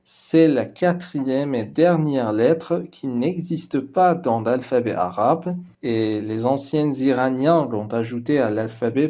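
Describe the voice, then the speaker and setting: A native Persian speaker gives a language lesson in French, slowly and carefully pronouncing each example word twice before explaining what it means. His voice has medium pitch and a dark tone.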